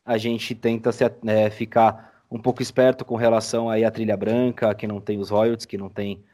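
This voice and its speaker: This Brazilian-accented man from Brazil has a fairly low, warm voice with a level tone and talks a little fast. As a guest on a podcast, the audiodrama editor walks through his editing process in a relaxed, explanatory interview conversation.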